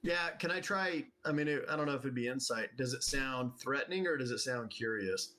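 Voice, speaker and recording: A man's voice: medium pitch, a little fast, bright, forceful tone. A man playing a tabletop role-playing game, negotiating casually in character.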